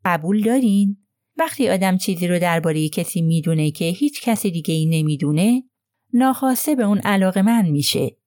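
A woman's voice: fairly low pitch, animated, warm tone, no echo, clean studio sound, close to an everyday voice. A woman voicing a gossipy middle-aged nurse who talks in a hesitant, confiding way.

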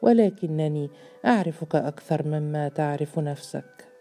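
A woman's voice: sits low, normal speed, warm tone. A woman reading a scornful domineering stranger. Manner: curt, mocking, commanding. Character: cold domineering man claiming the palace.

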